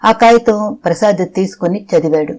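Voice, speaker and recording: A narrator reading a story aloud in a steady, measured way. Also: medium pitch, poor audio. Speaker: audiobook narrator. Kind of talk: scripted audiobook narration.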